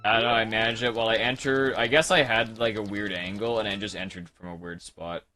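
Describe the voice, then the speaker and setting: A man's voice: lowish voice, steady tone, brisk, bright, forceful tone. A man streaming and chatting casually, rambling with many restarts and mocking himself. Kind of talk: casual chat. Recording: background music over the voice.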